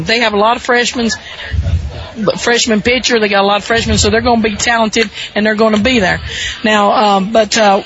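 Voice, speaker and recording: A woman with a Southern American accent and a weak voice, giving folksy, conversational pregame softball commentary as a sports broadcaster. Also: on the high side. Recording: dull lo-fi radio broadcast sound.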